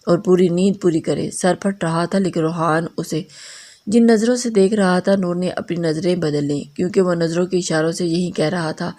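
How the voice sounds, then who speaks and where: A woman reading a romance novel aloud as narrator, steady with small slips and restarts. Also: fairly low pitch.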